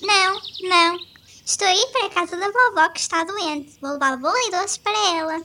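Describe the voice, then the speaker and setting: A woman with a European Portuguese accent voicing a sweet, naive little girl in a storybook, high and eager. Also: brisk, pushed and bright, a little hiss or hum. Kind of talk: storybook voice acting.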